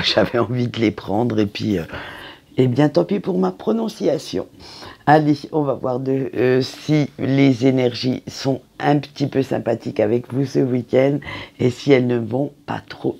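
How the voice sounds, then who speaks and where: A tarot card reader giving a casual weekly reading, chatty and unhurried with frequent hesitations. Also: medium pitch, creaky, warm tone, breathy edge.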